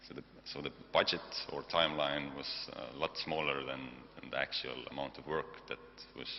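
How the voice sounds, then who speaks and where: Very deep-voiced Estonian-accented man, halting. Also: steady tone, vocal fry. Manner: halting, hesitant delivery with frequent pauses and hums. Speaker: conference presenter, software developer side. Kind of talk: technical conference presentation. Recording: dull, noisy hall recording with long reverb, hum.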